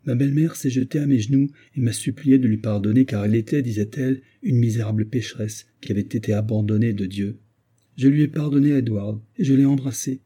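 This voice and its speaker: Man softly voicing a gentle young wife. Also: medium pitch, brisk, husky, close to an everyday voice. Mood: tender. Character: young woman, gentle, devoted wife and mother.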